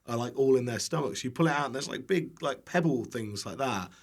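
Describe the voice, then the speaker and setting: A British man who creates online cooking content appears as a podcast guest, talking casually in a chatty, jokey way with informal, loose phrasing. His mid-range voice is animated and moves at a fairly quick pace.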